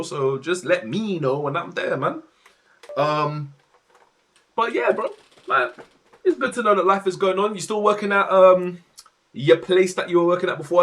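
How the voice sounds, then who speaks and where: A man's voice: fairly high pitch, fairly bright tone. A young man chatting casually on his livestream, slang-heavy and talkative, in his home office.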